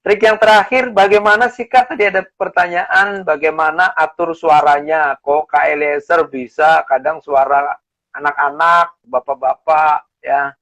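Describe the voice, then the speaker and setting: A man's voice: fairly high pitch, steady tone, a little slow, a bit bright, dry recording, poor audio. A man hosting an interview, friendly and reading out questions from viewers. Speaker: interview host.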